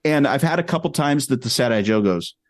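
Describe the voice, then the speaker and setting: A man, a podcast guest, telling a story in an animated, rambling way with many restarts. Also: medium pitch, a little fast, no echo, clean studio sound. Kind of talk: casual storytelling.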